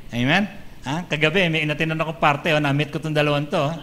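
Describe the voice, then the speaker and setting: A man preaching as a pastor, lively and joking, often calling out to the congregation for an "Amen.". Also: on the high side, fast, big-room sound. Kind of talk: sermon. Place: church hall.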